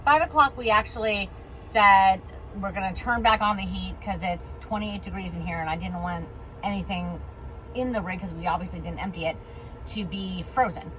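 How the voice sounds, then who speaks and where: Inside a camper van, a woman with a mid-range voice chats casually at a normal speed for a travel vlog, repeating herself for emphasis. Steady noise and vehicle ambience fill the recording while hail falls outside.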